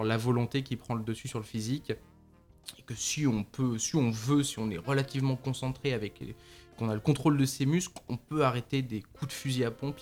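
A man's voice: medium pitch, a little mellow. Hesitant French man chatting about films. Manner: hesitant, many fillers and restarts, laughs often. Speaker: podcast co-host. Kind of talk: casual film discussion.

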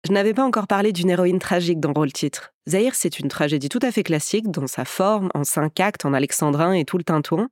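A woman's voice: lowish voice, brisk, hardly any pauses, no echo, clean studio sound. A woman hosting a podcast, narrating a scripted story in a theatrical storyteller's way. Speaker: podcast host and actress. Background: music.

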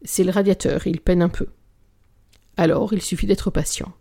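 A reader voicing a brooding male biker gang leader, calm and terse, with a husky, gravelly voice. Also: mid-range voice, normal speed.

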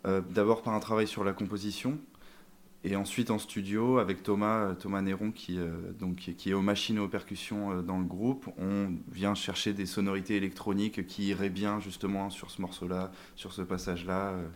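In a casual interview about his band, a young sousaphone player talks in a strikingly deep, flat voice. He's hesitant, pausing often, restarting sentences and using many fillers.

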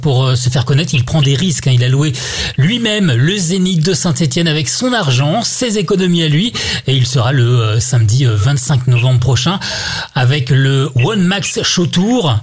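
A man hosting a radio interview, asking brisk questions with a few fillers. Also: on the high side, expressive. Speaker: radio host.

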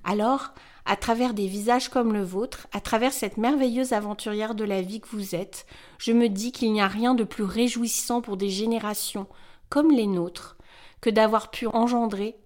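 A wistful, grateful woman of seventy-three looks back on a long working life and speaks with tender warmth, as a woman reads her letter aloud. The voice sits at a middling pitch and unfolds softly at a measured storytelling pace. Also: lightly acted. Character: 73-year-old woman, retired textile worker, wistful and grateful. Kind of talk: scripted narration of a letter.

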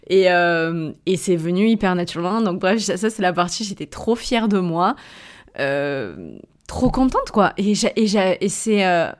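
A young woman from southern France hosts a personal diary-style podcast about her travels. Her fairly low voice has big pitch swings at a measured pace, and she is teary and emotional, hesitating with many fillers and restarts.

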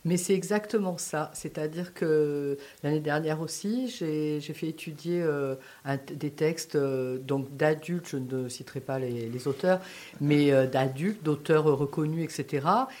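A woman's voice: sits low, measured pace, a little mellow. A woman teacher speaking in a radio interview, emphatic but hesitant.

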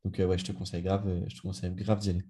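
Man, low mellow voice, enthusiastic co-host who rambles and restarts. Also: level tone, racing. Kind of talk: casual chat.

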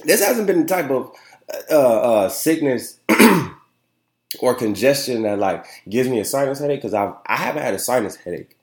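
Speaking at normal speed with expressive, medium-pitched delivery, this young podcast host runs a casual solo show. His voice is nasal and congested, and he rambles chattily, full of fillers and constant "you know what I'm saying" checks. Echo from a roomy space colors the recording.

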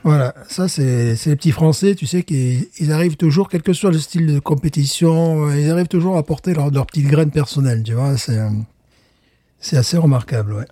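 Man, co-host, casual chat, mellow dark voice, dry close sound, rambling with many fillers. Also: fairly high pitch, fairly quick, dry recording. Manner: rambling, many fillers and restarts, chuckles often. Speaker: co-host of a beer tasting show.

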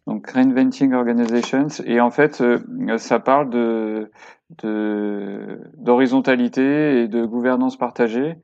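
A man's voice: medium pitch, steady tone, slow pace, gravelly, a little mellow, dull audio. A man speaking as a guest on a casual podcast interview, hesitant with many fillers and restarts but enthusiastic. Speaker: podcast guest, workshop co-creator.

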